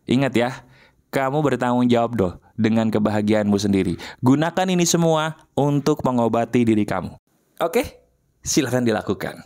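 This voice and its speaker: A man giving a motivational coaching talk, coaxing listeners and checking again and again that they are ready. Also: moderate pace. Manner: lively, swinging pitch. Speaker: motivational speaker.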